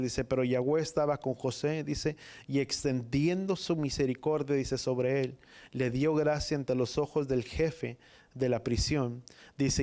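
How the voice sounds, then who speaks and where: A man preaching a sermon, reading scripture in halting phrases and repeating "dice" between them. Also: medium pitch, darkish tone. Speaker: pastor.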